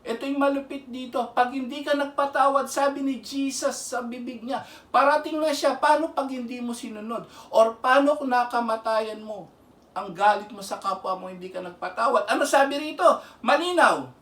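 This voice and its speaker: Teaching from the Bible on camera, this preacher and lay minister keeps begging his audience to listen closely, saying "pakinggan nyo" again and again as he weaves English into his Filipino. His voice is extremely high and a bit bright, at a normal speed, and it echoes in a large room far from the microphone.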